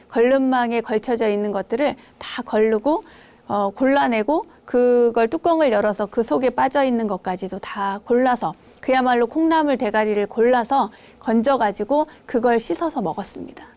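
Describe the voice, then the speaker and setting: A middle-aged woman, a Buddhist nun hosting the program, telling stories from temple life in a dharma talk, sometimes acting out the scolding voices of the people in them. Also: a little high. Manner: warm storytelling, acts out quoted scolding.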